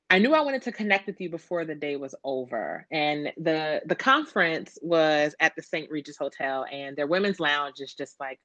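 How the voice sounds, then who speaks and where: A woman's voice: low-pitched, fairly bright tone, dry recording. A woman hosting a podcast interview, chatty and upbeat as she introduces her guest and asks questions. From Atlanta, USA. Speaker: podcast host.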